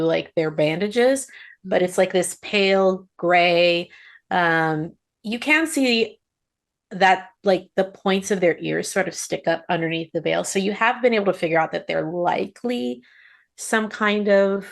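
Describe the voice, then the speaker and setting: A woman game master describes a scene for a tabletop game. She pauses often and fills the gaps with small words. Her voice sits low. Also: vocal fry. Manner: descriptive, halting with fillers.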